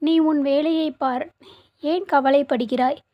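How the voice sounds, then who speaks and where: A woman voicing an anxious, secretive older sister, in an even, formal storybook delivery. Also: sits high, takes it slowly. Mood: tense. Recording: muffled, slightly lo-fi recording.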